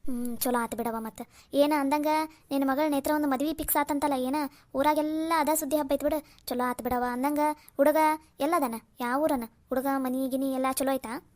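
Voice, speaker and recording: A woman's voice: high voice, steady tone, normal speed, darkish tone, close to an everyday voice. A woman with a North Karnataka Kannada accent voicing an older village woman who gossips and asks about the neighbors. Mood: chatty. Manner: chatty, gossiping. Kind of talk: cartoon voice acting.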